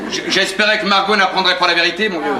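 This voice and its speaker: An actor playing a flustered, cowardly brother in a live stage farce, stammering and whining in a panic. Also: male voice, high voice, steady tone, fast, over a noisy crowd, very noisy, natural voice. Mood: panicky. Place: theater stage with live audience. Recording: roomy theater.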